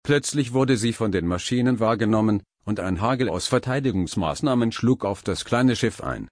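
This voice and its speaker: A man narrating a science fiction story in an even, dramatic reading style, close to the mic. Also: lowish voice, normal speed, no room sound.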